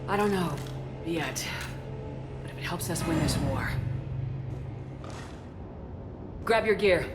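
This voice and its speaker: A woman's voice: lowish voice, normal speed, over loud music, close to an everyday voice. A woman playing a resolute, authoritative female military commander in a sci-fi game, speaking tersely. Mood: firm, urgent. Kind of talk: dramatic sci-fi game dialogue.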